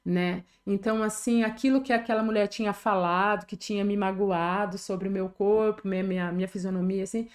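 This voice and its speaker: She speaks fairly quickly with a medium pitch, a steady tone and hardly any pauses. This middle-aged Brazilian woman pastor, accented in Brazilian Portuguese, earnestly recounts a personal testimony in conversation, ending many sentences with a tag question.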